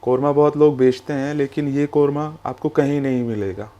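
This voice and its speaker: Business founder, man; explanatory storyteller, sprinkles English into his speech, steady mid-range voice. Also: medium pitch, moderate pace. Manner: explanatory, storytelling, mixes English phrases into Hindi. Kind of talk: business interview.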